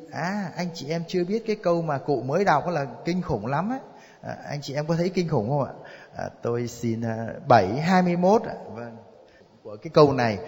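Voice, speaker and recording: A man giving a sermon, explaining a Bible passage to the congregation with lots of repetition, and sometimes acting out the pleas in the passage. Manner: repetitive, explanatory, acts out quoted pleas with rising pitch. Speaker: priest leading a Bible study. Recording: long reverb of a church hall.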